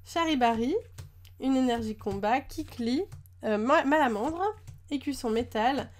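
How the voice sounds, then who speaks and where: Sitting at her desk, a woman unboxes trading cards for her YouTube channel, chatting casually and gushing over the cute ones. Her voice is high and unhurried.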